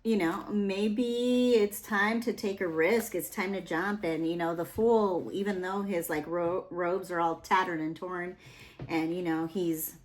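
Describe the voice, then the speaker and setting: Chatty woman reading tarot, low voice. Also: fairly even intonation, measured pace. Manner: rambling, chatty, with many fillers. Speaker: tarot reader.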